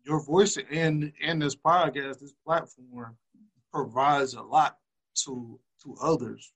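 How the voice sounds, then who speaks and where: A man asks questions in a casual, halting way, repeating himself as he gets to the point. His voice sits at an average middle pitch and sounds easygoing. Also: steady tone, fairly bright tone, slightly rough. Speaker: guest interviewer. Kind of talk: casual interview conversation.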